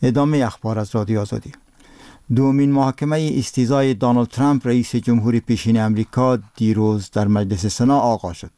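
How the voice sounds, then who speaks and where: A man with an Afghan accent reads the radio news from a script. His delivery is solemn and formal, in a dark, relaxed mid-range voice. The sound is very dry, with no room echo. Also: medium pitch. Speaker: radio newsreader.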